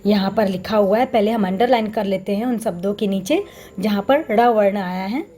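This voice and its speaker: A woman's voice: medium pitch, normal speed, mellow. A woman teaching a recorded lesson to young children, explaining patiently and often addressing them directly. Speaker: primary school teacher. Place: Chhattisgarh, India.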